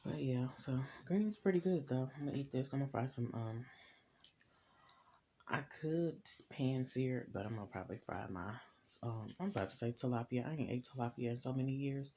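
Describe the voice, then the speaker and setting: A man talking casually in a personal vlog, relaxed and reflective, eating as he talks, recorded on a phone at home. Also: mid-range voice, brisk, a little hiss or hum. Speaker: vlogger. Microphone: phone camera.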